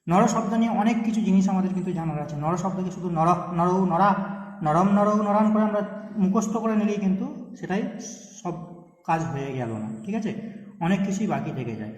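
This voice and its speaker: Guy teaching grammar quick, keeps asking "right?", stretches words out to demo them, echoey room. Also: high voice, lively intonation, darkish tone. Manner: checks in often with questions to students; stretches and repeats words to show pronunciation. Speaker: Sanskrit teacher. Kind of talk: grammar lesson at a board. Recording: echoey room with long reverb.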